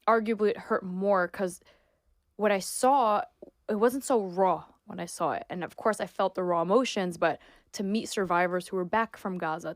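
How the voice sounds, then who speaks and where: A New York woman in her twenties, a sports reporter and influencer, appears as a guest in a casual podcast interview, opinionated and emphatic with frequent "like" fillers. Her middle-pitched voice is recorded close and dry, without any room sound.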